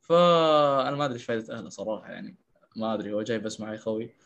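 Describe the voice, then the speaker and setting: A man's voice: on the low side, racing, creaky, highs cut off. A man, co-hosting a casual gaming podcast, ranting with laughs. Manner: animated, laughs while ranting. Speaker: podcast co-host.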